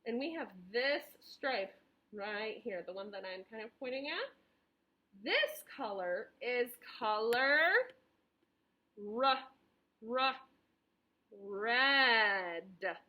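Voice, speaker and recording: A woman teaching young children as if reading to a toddler, encouraging them in simple phrases, stressing key words and pausing for replies. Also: on the high side, big pitch swings, muffled recording. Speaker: preschool teacher.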